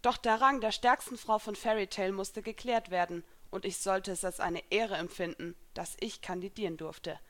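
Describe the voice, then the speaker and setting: A woman reading first-person fan fiction aloud in a calm, even storytelling voice. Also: medium pitch, moderate pace, few pauses, no room sound.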